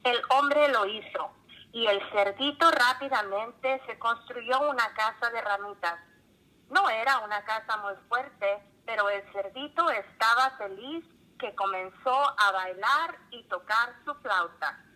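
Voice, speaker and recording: A woman reading a children's story aloud in a slow, clear storytelling manner. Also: fairly high pitch, bright, forceful tone, low-quality recording.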